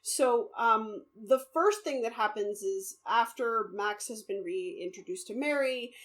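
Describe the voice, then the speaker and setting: A woman's voice: on the high side, unhurried. A woman co-hosting a podcast, chatting casually and animatedly, often breaking into laughter. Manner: animated, laughing, mock French voices. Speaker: podcast co-host. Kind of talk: casual chat.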